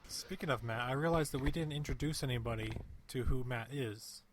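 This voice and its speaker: A man's voice: mid-range voice, fairly quick, slight background noise. A man chatting on a casual podcast, giving matter-of-fact asides. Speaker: webcomic creator, podcast guest.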